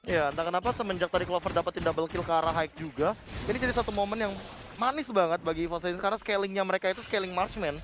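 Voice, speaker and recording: A man's voice: sits high, rapid-fire, over music. A man giving analytical esports commentary as a caster, explaining things with English gaming jargon mixed in.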